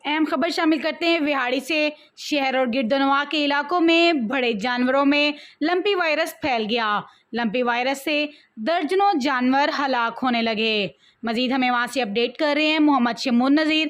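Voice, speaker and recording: A woman anchors a news bulletin in a high voice with a Pakistani accent. Her delivery is scripted news reading. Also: a bit bright.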